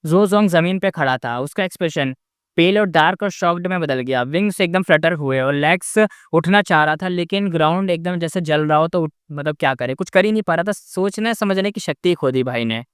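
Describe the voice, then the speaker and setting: Chatty male story narrator, smooth voice. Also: fairly high pitch, brisk, fairly bright tone, dry recording, clean studio sound. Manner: chatty asides to the listener. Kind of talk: casual novel recap narration.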